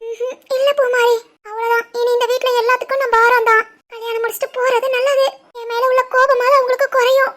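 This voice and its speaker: A woman voicing a tearful, guilt-ridden young woman who is crying in an animated family story. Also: extremely high pitch, fast talker. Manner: soft, tearful.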